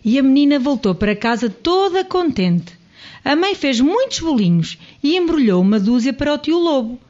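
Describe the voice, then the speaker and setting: A woman narrating a children's story with expressive, swooping emphasis. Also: sits high, normal speed. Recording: dull lo-fi radio audio.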